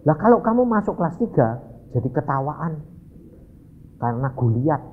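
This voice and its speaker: A man's voice: fairly high pitch, sing-song, normal speed, noisy background. A brusque, matter-of-fact school director, a middle-aged man with a tinge, gives his verdict, as a preacher acts him out in a sermon. The sound is muffled and lo-fi. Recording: dull lo-fi sermon recording.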